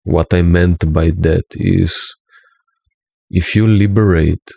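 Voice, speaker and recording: A Slovenian man speaks English as a second language with a Slovenian accent, his deep voice slow, steady, mellow, and touched with vocal fry, with no room sound. As a spiritual teacher, he delivers an earnest, preachy monologue, often checking in with "right?".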